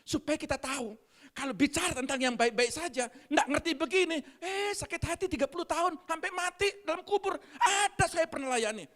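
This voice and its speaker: A woman preacher, giving an animated sermon and putting questions to the congregation. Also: sits high, a little fast.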